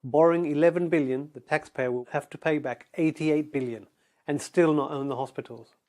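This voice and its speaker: A man giving a measured, factual documentary narration. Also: on the high side, steady tone, a little mellow.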